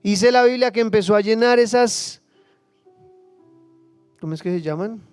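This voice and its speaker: A male pastor speaking at normal speed gives an impassioned sermon, his high voice smooth and resonant. Acting out prayers and Bible figures, he shifts from hushed asides to loud cries as faint music runs underneath.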